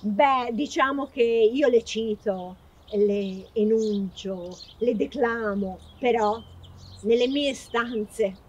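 A woman's voice: a little high, breathy edge, muffled recording. An actress playing a gracious noble lady from a castle who admires a poet. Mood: admiring. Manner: gracious, slow, reciting poetry with feeling. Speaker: actress in a short film. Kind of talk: amateur theatre acting.

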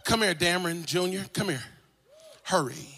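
High, bright-voiced preaching man. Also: lively intonation, normal speed. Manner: call-and-response preaching, swinging from soft asides to sung shouts. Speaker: pastor. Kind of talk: sermon. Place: large church sanctuary.

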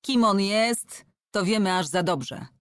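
A woman's voice: mid-range voice, lively intonation, slow pace, dry recording, studio quality. A woman doing a scornful army commander. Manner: sharp and scornful.

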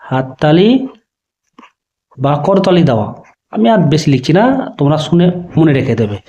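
A man's voice: fairly high pitch, sing-song, warm tone. Man teaching letters, dull lo-fi sound. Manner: checks understanding with repeated questions, spells letters out slowly. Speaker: online teacher. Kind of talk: spoken lesson to students.

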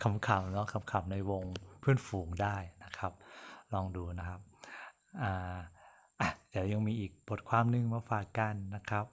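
Man, fairly low voice, casual language lesson, patient, repeats words. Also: steady tone, normal speed. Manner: patient, explains each word twice with polite endings. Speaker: Chinese language teacher.

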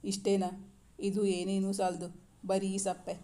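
A woman voicing a young husband who gently coaxes and teases his wife in a storybook reading. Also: mid-range voice, completely flat delivery, a little slow, close to an everyday voice. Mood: teasing. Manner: coaxing, gently teasing. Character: young loving husband, teasing and tender.

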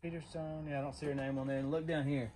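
A Texas man who vlogs about reselling storage units chats casually with viewers, calling them y'all, as he sorts through an outdoor unit and later talks from inside his truck. His voice is fairly high and warm, delivered flatly and fast, with faint background noise.

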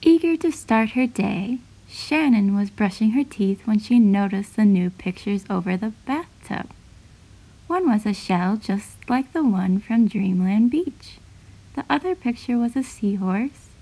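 A woman reading her own children's picture book aloud in a gentle, clear, even storytelling voice. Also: medium pitch, measured pace, low-quality recording. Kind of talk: storybook read-aloud narration.

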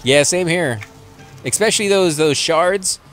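His voice sits a little high with a fairly bright tone, and faint music plays behind it. He's a Texan hosting a casual let's-play, chatty and rambling, quick to break into laughter over the gameplay.

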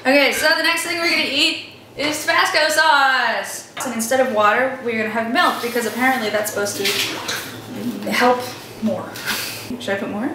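A young woman vlogs in a casual, giggly and nervous way. Her voice sits a little high. She is picked up from across a very echoey kitchen, with clear background noise. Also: moderate pace. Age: young adult. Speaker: vlogger, challenge co-host. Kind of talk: casual chat. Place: indoors, home kitchen. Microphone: camera mic a few feet away.

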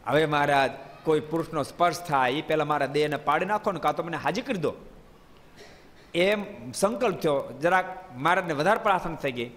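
A man giving a devotional storytelling sermon in a hall, lively and often quizzing his listeners with playful asides. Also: on the high side, brisk. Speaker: preacher. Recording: long hall reverb.

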